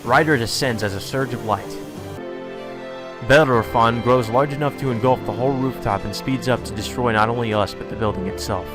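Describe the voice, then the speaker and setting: With music playing behind him, a man with a medium-pitched voice reads visual novel text aloud fairly quickly. He's a let's play host, giving the lines a dramatic delivery and tossing in casual asides over the game music.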